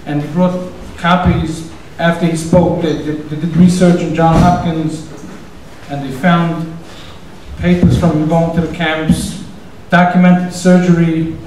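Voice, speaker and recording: In a synagogue hall full of echo, recorded from a distance, the host and organizer gives an offhand, rambling opening speech and tells a story conversationally. His voice is fairly high but somewhat dark in tone, with slight background noise.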